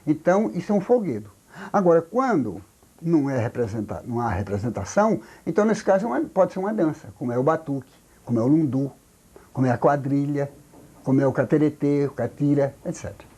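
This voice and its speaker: An older man from Brazil with a Brazilian Portuguese accent, a folklorist explaining things slowly in an interview, halting with many repeated words and restarts. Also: a little high, big pitch swings, darkish tone, breathy edge. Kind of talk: recorded oral history interview.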